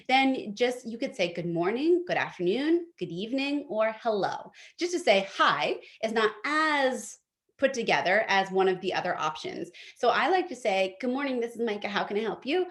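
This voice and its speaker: A woman's voice: mid-range voice, a bit bright. A young woman presenting an online etiquette workshop from her home office, friendly and practical, with plenty of fillers.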